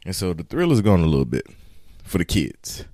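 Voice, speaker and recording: Guy with a deep voice doing a loose rambling podcast from his kitchen while cooking, mic in hand. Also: wildly swooping pitch, brisk, dark tone, no echo, studio quality. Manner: rambling, conversational, informal. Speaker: podcast host. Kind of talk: casual solo morning podcast chat. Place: home kitchen while frying eggs. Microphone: handheld microphone.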